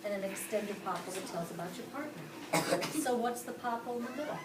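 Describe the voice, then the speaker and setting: Teaching a class of children, a Pittsburgh, Pennsylvania woman explains each step and quizzes the kids, her fairly high, expressive voice moving fairly quickly. A camera across the room picks her up from far off in an echoey classroom full of heavy background noise.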